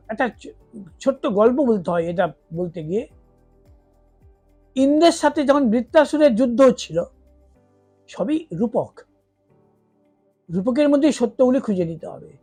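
A man teaches religious lore in an off-the-cuff lecture, his voice sitting noticeably high. He asks questions and then answers them himself, cutting words short and restarting them as he goes. Soft music plays faintly behind him. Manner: talks through examples and retold stories, with frequent restarts and self-corrections. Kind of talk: unscripted explanatory lecture.

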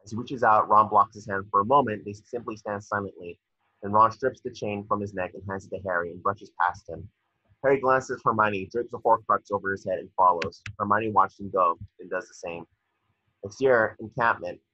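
Here the narrator at a table read is a man whose fairly low voice is brisk, bright, forceful and a little rough; he reads the stage directions aloud and sometimes fumbles words. It's a dry capture over a video call, with dull lo-fi audio.

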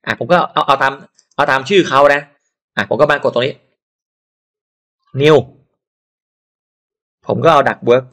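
A man giving a casual software tutorial who chats and digresses into advice while working. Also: mid-range voice, slow pace, pauses often. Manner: chatty, digresses into advice and asides.

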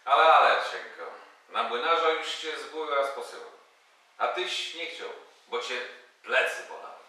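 A cocky, hot-tempered soldier blusters and scolds, as a man performs him on stage. His bright voice swings widely in pitch. It comes from far from the mic, in a strongly echoing hall. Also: sing-song, normal speed. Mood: mocking. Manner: blustering, scolding, hurls insults and sings. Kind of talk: stage reading of a play.

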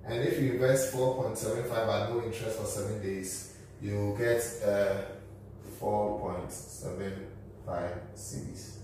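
Recorded by a camera at a distance, a man in his thirties teaches finance at a whiteboard in a small office, working methodically through the numbers one step at a time. His fairly low, warm voice is unhurried and fairly even, sounding off-mic in an echoey room with a faint hum.

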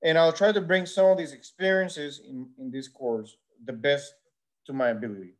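A male engineering lecturer at a university, from Puerto Rico with Spanish as his first language, gives a recorded course lecture. His voice is a little high and steady, and his measured explanations are sprinkled with frequent "uh" fillers.

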